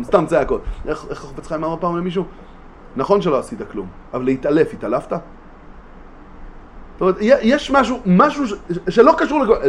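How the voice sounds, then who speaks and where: A man giving a religious study lesson, animated, with emphatic rhetorical questions and frequent restarts. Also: high voice, a little hiss or hum. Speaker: Torah teacher.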